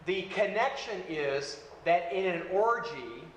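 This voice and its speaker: A high-voiced man lectures on scripture in short, slow phrases, stopping often so an interpreter can translate. He sounds a long way off in a very echoey hall, and faint room noise hums underneath. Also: lively intonation, fairly bright tone, lo-fi sound. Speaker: seminary teacher. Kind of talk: bible lecture through an interpreter.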